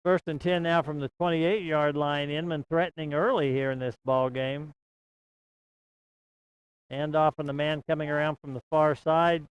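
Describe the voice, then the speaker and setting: A man's voice: on the high side, moderate pace, clear, resonant tone, no echo, lo-fi sound. Chatty small-town football announcer, man. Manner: folksy, chatty, rising excitement on big plays. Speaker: play-by-play announcer. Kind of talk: local high school football commentary. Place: outdoor broadcast stand at a football field.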